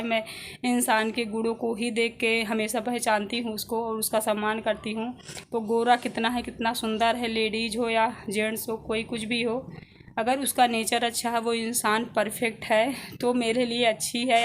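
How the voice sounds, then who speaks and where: A woman's voice: on the high side, roomy sound, a little hiss or hum. A woman in her thirties with an Indian Hindi accent, chatting casually to viewers while doing housework at home. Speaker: vlogger. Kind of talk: casual vlog chat with viewers. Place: home kitchen.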